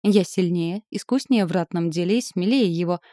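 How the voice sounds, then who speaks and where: Woman reading as a cocky hot-headed young guy, low mellow voice, bold. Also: fairly quick, no echo, clean studio sound, lightly acted. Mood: boastful. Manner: boastful, hoarse, forceful declarations. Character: passionate, arrogant young male suitor, turning menacing. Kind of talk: audiobook character reading.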